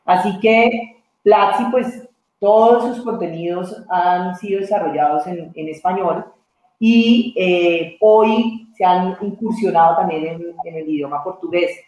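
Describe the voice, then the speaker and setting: A woman's voice: lowish voice, a little slow, darkish tone. A woman moderating a webinar panel, setting up questions at length with hesitant fillers. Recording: very echoey room.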